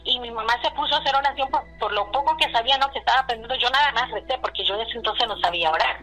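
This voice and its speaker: A woman's voice: a little high, racing, sharp tone, soft background music, rough recording. A woman recounting a personal family story in casual speech, rambling, with many restarts and fillers, retelling what people said. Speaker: caller telling a personal story.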